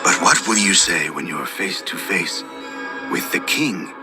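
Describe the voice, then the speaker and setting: A man voicing a frail old village man who gives grim warnings, in a thin, raspy voice. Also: low voice, expressive, unhurried, music in the background, voice pushed down. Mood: ominous.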